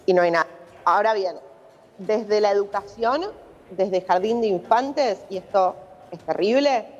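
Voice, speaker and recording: Over a muffled remote feed with lengthy reverberation, a female journalist reporting from abroad lays out a situation in a live news interview. She has an Argentine accent and a mid-range, somewhat dark voice, and she speaks unhurriedly.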